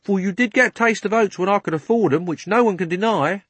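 A man reading aloud gives a cabby, high and loud, with a rough drawl. He grumbles with indignation, blunt and stubborn, like a working man who feels wronged. The storybook voice is dry and close. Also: fast, no echo. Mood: indignant. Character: male cockney cabby, blunt and loyal.

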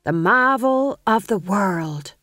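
A woman voicing a pompous male actor who declaims a speech slowly and theatrically. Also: medium pitch, expressive, fairly bright tone, no echo, studio quality. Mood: grandiose. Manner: grandiose, theatrical, slow declaiming.

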